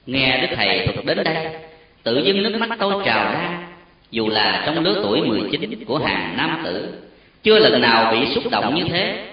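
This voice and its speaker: A man narrating a solemn story with an expressive, emotional delivery. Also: medium pitch, normal speed. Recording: very echoey, distant, dull lo-fi sound.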